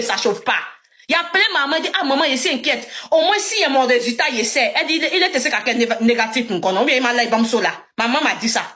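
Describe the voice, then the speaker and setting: A young woman with an Ivorian French accent, telling her story live to viewers and acting out what others said with emphasis. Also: fairly high pitch. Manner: animated, emphatic, acts out dialogue. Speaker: livestreamer.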